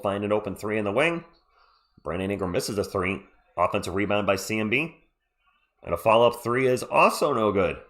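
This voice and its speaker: Though sick with a cold, this man hosts a relaxed live play-by-play stream, offering sports commentary and playful chat with viewers. His voice is fairly low in pitch with a fairly bright tone.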